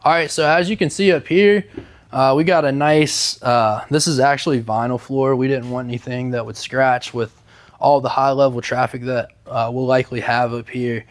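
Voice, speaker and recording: A man's voice: mid-range voice, steady tone, moderate pace. A young man giving a casual, upbeat walk-through tour in a laid-back way, talking like a vlogger. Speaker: small microgreen business owner giving a tour. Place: inside a large warehouse building.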